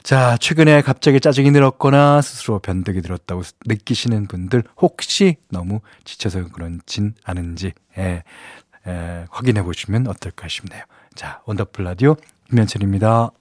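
A man's voice: lowish voice, normal speed, dry recording. Chatty male radio DJ, dry close mic. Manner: chatty and conversational, with frequent affirming asides. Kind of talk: radio show chat reading listener messages. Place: radio studio. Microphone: studio microphone, close and dry.

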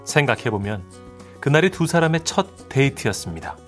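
A man's voice: medium pitch, very animated, brisk, soft background music. A man reading scripted storytelling narration as the narrator of a radio drama.

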